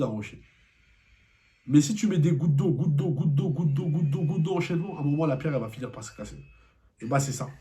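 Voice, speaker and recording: A man giving an angry post-match football debrief, repeating himself and firing rhetorical questions. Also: fairly high pitch. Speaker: football vlogger.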